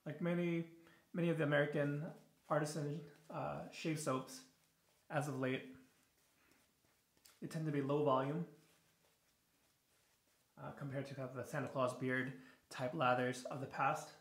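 A man in his thirties hosts a shaving video in a small home bathroom, giving a casual product review as he shaves. A little tired in the evening, he talks with frequent fillers and restarts, his somewhat high voice steady and measured with many pauses. The camera sits close on the counter, and the bathroom sounds echoey.

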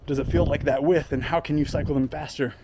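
A man's voice: a little high, steady tone, fast, background noise. A man, a fitness coach, talking casually through his workout and catching his breath as he explains his training. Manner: explains training plainly between efforts, with fillers. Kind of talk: casual workout vlog talk. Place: home gym and outdoors in winter.

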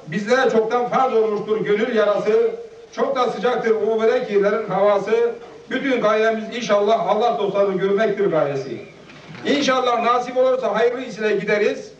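A man in his fifties giving a halting, nervous speech at a gathering and reciting a heartfelt poem. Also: sits high. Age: 50s. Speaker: guest speaker at a farewell gathering. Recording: echoey, distant, dull lo-fi home video.

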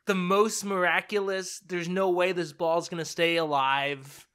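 Bright-voiced excitable young man. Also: high-pitched, unhurried, smooth. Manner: excitable, rambling, many fillers. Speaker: podcast co-host. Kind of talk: casual chat.

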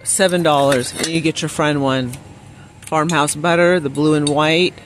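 A man's voice: fairly high pitch, steady tone, normal speed, a bit bright, a little hiss or hum. A man vlogging as he shops. He gushes over items and reads out prices and deals while walking a store aisle, filming on a handheld phone. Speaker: shopping vlogger. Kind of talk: shop-with-me vlog narration. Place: aisle of a discount store, indoors. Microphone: handheld phone camera.

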